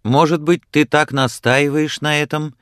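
A man's voice: a little high, steady tone, measured pace, a bit bright, clear, resonant tone, dry recording, clean studio sound, pitched above the performer's own voice. A man reading aloud voices a defiant nineteen-year-old son who argues insistently with his mother. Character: bold young man of nineteen, defiant and stubborn.

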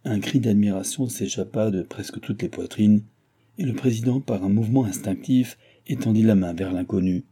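A male audiobook narrator with a low, very dark, husky voice. He tells the story in a measured, grave way, as scripted literary narration.

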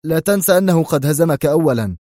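A dazed, stammering mafia underling, acted by a male reader, his voice lifted well above the reader's low register and recorded dry and close. A rattled, hurried storybook thug. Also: steady tone, dark tone, dry recording, natural voice. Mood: gruff. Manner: stammering, alarmed. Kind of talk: audiobook character voice.

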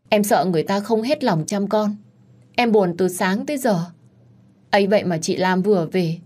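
A woman's voice: medium pitch, a little mellow, lightly acted. A woman voicing a tearful, whining young mistress who pleads and plays the victim in a told story. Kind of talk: dramatized storytelling.

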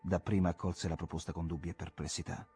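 A man reading a literary novel aloud as an audiobook narrator, measured and reflective. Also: sits low, flat delivery, mellow, husky, soft background music.

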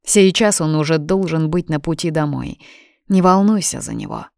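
A woman reading aloud voices a strong young king, tormented, speaking quietly with restraint. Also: deep voice, normal speed, creaky, dry recording, studio quality. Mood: weary.

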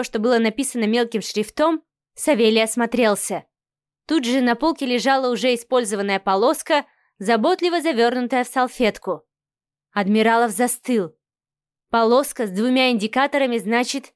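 Female audiobook narrator, lively storyteller, higher voice, dry booth sound. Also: no room sound.

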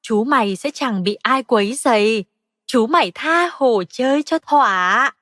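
Woman as a slow, mocking old crab in a storybook. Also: a little high, expressive, fairly bright tone, no room sound, studio quality, long reverb tail. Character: sly old male crab, bullying and mocking.

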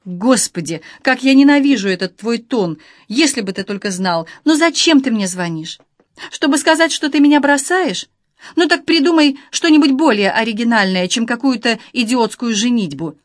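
A woman voicing a shrill, furious lover. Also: animated, normal speed, no room sound, studio quality, close to an everyday voice. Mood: tearful anger. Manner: hurt, then furious and cutting. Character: emotional, shrill lover on the phone.

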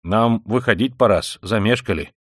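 A man's voice: fairly low pitch, moderate pace, a bit bright, no room sound, studio quality. A man doing a grumbling workman. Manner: rough, chatty, common speech. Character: plain-spoken male workman, puzzled and grumbling.

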